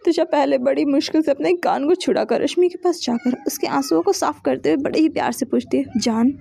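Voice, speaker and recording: A woman narrating a romance audio story in a steady reading voice with small restarts. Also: high voice, fast, vocal fry, dry recording.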